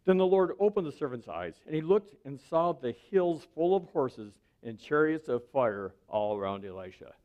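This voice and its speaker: A man's voice: fairly high pitch, expressive, moderate pace, few pauses, muffled recording. A man giving a sermon as a pastor, speaking in a conversational way and often checking in with the listener. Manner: conversational preaching, often asks the listener "right?".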